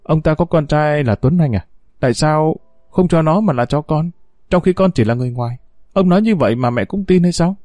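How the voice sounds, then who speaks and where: A man reading a story aloud and voicing a grown son who fires sharp, accusing questions at his mother. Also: mid-range voice, animated, a little fast, dry recording, clean studio sound, natural voice. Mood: pressing.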